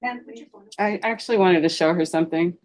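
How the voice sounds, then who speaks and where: A middle-aged woman giving informal, halting testimony as a witness in a courtroom. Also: lowish voice, a little mellow. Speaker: witness, defendant's mother.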